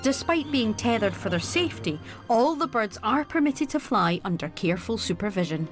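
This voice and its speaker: A woman's voice: on the high side, big pitch swings, over music. A Scottish woman hosting a travel show, cheerful and jokey, chatting on location and narrating. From Scotland. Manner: cheerful, jokey and quick to laugh. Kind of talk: presenting, chatty and with voice-over narration.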